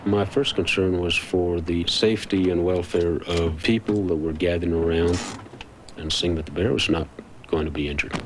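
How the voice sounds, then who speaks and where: A man's voice: low-pitched, steady tone, moderate pace. A man who is a wildlife officer recounting an incident in an interview. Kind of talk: interview recollection. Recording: clearly noisy interview recording with clicks.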